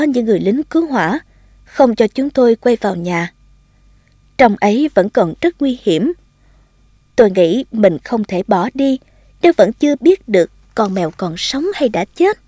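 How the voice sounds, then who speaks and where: A woman narrating a first-person story in a calm, expressive reading. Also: a little high, no echo, studio quality.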